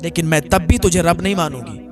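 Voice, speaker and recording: A man's voice: on the high side, music in the background, natural voice. A male preacher voicing a devout maidservant who firmly refuses and stays steadfast. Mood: firm defiance. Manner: firm, steadfast. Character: devout, defiant maidservant woman.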